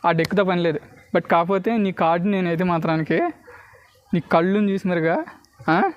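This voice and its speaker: A man's voice: sits high, steady tone, normal speed, clear, resonant tone, muffled recording. A man with a Telugu accent giving street performer patter for a card trick, mixing in English words and constantly checking that spectators follow. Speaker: street magician.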